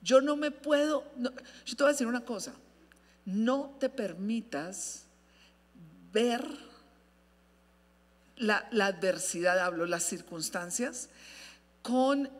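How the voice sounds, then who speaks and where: A woman pastor preaching a sermon, stretching key phrases for emphasis and correcting herself often. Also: fairly high pitch. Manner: expressive preaching, drawn-out emphatic phrases, frequent self-corrections. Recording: long hall reverb.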